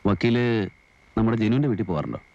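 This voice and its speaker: An actor playing a quiet, brooding lodger in a 1980s film drama, speaking low and terse. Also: male voice, lively intonation, quick pace, gravelly, highs cut off. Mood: wistful.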